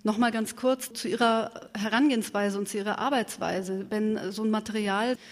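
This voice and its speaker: Speaking at a normal pace in a mid-range voice with fairly even intonation, a woman moderates an interview. She delivers prepared questions live, and they are long, articulate, and considered, with some hesitation. A long hall reverb colors the recording.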